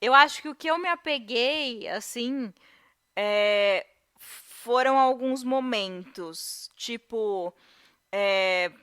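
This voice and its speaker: A woman's voice: fairly high pitch, takes it slowly, fairly bright tone, clean tone. A Brazilian woman, a podcast guest, casually discussing a film with hesitant fillers and restarts. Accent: Brazilian Portuguese.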